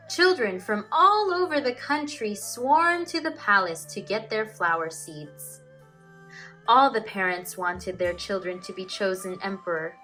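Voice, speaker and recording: Reading a children's storybook expressively, a woman teacher uses an unhurried, deliberate storytelling voice at medium pitch. Her very animated intonation climbs and dips to stress phrases, and music can be heard in the recording.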